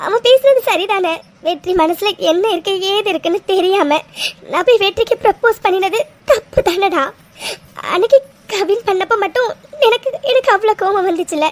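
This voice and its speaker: A very high, squeaky voice belongs to a heartbroken young cartoon woman, tearful and full of self-blame, as a woman acts her out. She talks through sobs the whole time, her words wet with crying. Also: normal speed. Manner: tearful, self-blaming, sobbing. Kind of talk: cartoon voice acting.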